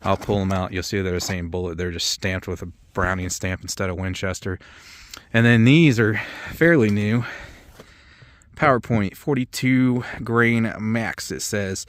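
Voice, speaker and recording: A man's voice: lowish voice, a little slow, slight background noise. A man hosting a video, explaining products in a casual, rambling, informal way. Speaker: host of an ammunition test channel. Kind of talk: casual product-test commentary.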